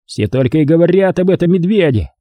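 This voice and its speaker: A man's voice: sits high, wildly swooping pitch, slow, dark tone, no echo, voice pushed up, exaggerated voice. A man voicing a bitter, cruel young clan leader in an audiobook, with a harsh, snarling delivery. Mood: disgusted.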